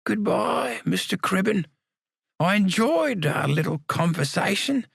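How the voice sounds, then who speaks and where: A man reading a story gives a full character voice to a toothless, stubborn, cantankerous old man in his nineties, using a shrill, piping tone whose pitch leaps high and swings widely. The delivery is sing-song and measured, gravelly and husky yet fairly bright. The recording is close and dry.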